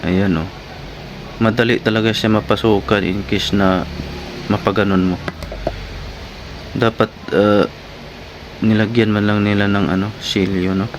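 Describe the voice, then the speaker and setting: A man vlogging about gear gives viewers a casual review in short, informal phrases. His voice is lowish and unhurried, with long pauses, and a steady hum makes the recording clearly noisy.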